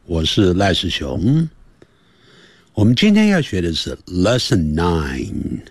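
Husky, lively male English teacher. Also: sits low, no echo, clean studio sound. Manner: drills pronunciation by slow repetition; lively, playful explaining. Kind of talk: radio English lesson.

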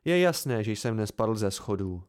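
A man's voice: on the low side, very animated, a little mellow, clean tone, voice pushed down. A man doing a subdued, wounded young student.

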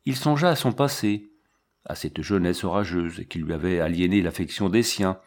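A man narrating a novel as an audiobook, in a measured storytelling manner. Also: low-pitched. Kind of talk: scripted narration.

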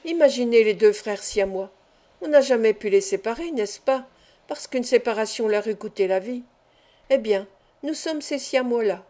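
A woman's voice: fairly high pitch, animated, moderate pace, mellow, natural voice. A woman voicing a chatty cheerful young acrobat. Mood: earnest. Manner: chatty, showman-like patter.

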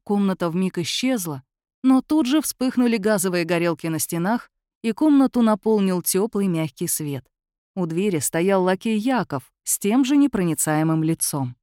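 A woman narrates a story in an expressive manner, her voice at a middle pitch for a woman. The sound is dry and close, with no room around it. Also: normal speed, dry recording. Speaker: audiobook narrator. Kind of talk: scripted narration.

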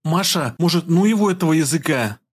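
A man's voice: on the high side, quick pace, breathy edge, voice pushed up. A man reading an audiobook, voicing a frightened young woman who pleads in a plaintive tone. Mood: plaintive, fearful.

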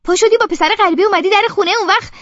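A woman's voice: very high voice, fairly bright tone, no room sound, muffled recording, voice pushed up. A woman reading an audiobook voices a nosy, scolding aunt by marriage who accuses and mocks her niece. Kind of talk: audiobook character voice.

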